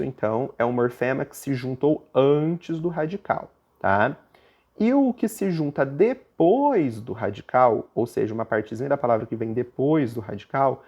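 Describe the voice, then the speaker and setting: A man with a Brazilian Portuguese accent, teaching a recorded grammar lesson and explaining step by step. He often stops to check that the listeners are following. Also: darkish tone. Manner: puts on a student's objection in a higher voice.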